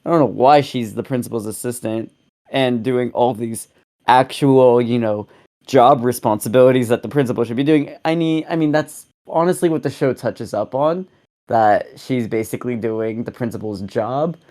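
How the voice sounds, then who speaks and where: A man's voice: medium pitch, normal speed, a little mellow. A young man co-hosting a casual review podcast, rambling and correcting himself as he talks, with frequent chuckles. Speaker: podcast co-host.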